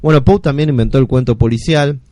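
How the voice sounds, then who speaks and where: A man with a Rioplatense Argentine accent giving a casual radio column on literature, relaxed and rambling. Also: mid-range voice, fast talker, no room sound. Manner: relaxed, rambling with fillers and restarts.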